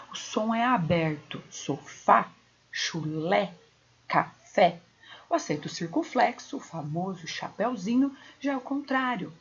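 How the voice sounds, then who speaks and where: A woman teaches a grammar lesson in a slightly husky voice, pausing to check in with her students through rhetorical questions. The recording sounds somewhat dull and lo-fi. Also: medium pitch. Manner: didactic, asks the class rhetorical questions.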